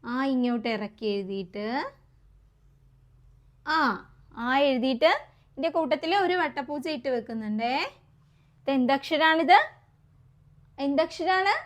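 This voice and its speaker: A woman teaching young children their letters, coaxing them along with questions and slow, repeated letter sounds. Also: high-pitched, animated. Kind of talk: kids' alphabet lesson.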